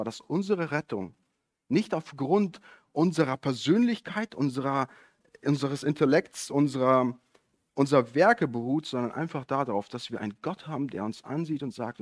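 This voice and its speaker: A man's voice: medium pitch, no room sound. Earnest man preaching a sermon, dry sound. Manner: earnest, animated emphasis, quotes Jesus softly.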